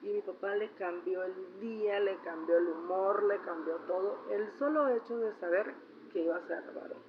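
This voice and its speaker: A woman's voice: mid-range voice, moderate pace. A middle-aged woman with a Mexican accent, telling a family story in a casual personal vlog and often tagging her sentences with a questioning "¿no?". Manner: chatty, ends phrases with a questioning "¿no?". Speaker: vlogger sharing personal reflections. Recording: slightly dull recording with faint noise.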